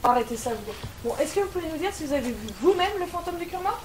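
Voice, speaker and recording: A woman plays a sarcastic young crew member from an amateur horror film. She talks fast and dry, in a high voice. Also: animated, a little mellow, slight background noise.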